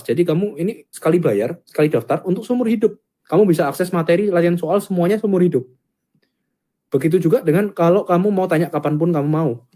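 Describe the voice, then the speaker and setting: Guy rattling off a course pitch super fast, casual, keeps saying gitu ya. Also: warm tone. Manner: chatty, fillers like gitu ya. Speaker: founder pitching a Japanese course.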